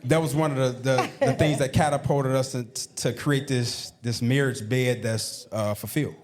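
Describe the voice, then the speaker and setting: A married man shares a personal story with a live audience. He builds it like a storyteller and lands playful punchlines. His pitch sits in the middle. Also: fairly even intonation, moderate pace, a little mellow. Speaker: married guest co-host. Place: event hall with a live audience.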